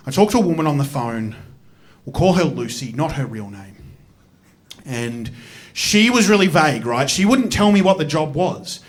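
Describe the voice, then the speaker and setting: This Australian-accented comedian, a man in his thirties, swears freely as he spins a rambling, self-deprecating stand-up story for a live audience. He speaks at a moderate pace, his voice on the high side with big swings in pitch.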